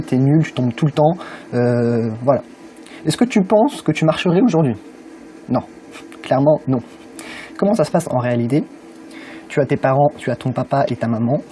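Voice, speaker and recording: A young Frenchman gives a casual motivational talk to the camera about learning English. He addresses the viewer directly, informally and hesitantly, with lots of "euh" fillers. His medium-pitched voice is warm, over a little hiss or hum.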